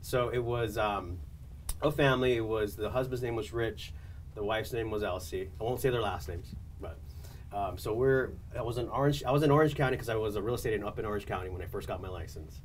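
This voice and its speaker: A man, a real estate agent, telling an anecdote on a studio panel show, lively and laughing as he acts out the people in it. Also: fairly low pitch, brisk, distant mic, a little hiss or hum. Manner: animated storyteller, laughs often, acts out quotes.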